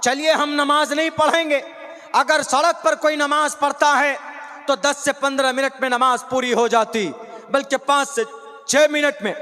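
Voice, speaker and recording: Preacher, male, bright tense tone, flat delivery, rising to shouts, recorded in a reverberant hall. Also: extremely high pitch. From India. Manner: declaiming, drawn-out scripture recitation, shouting at peaks. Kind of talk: impassioned public speech.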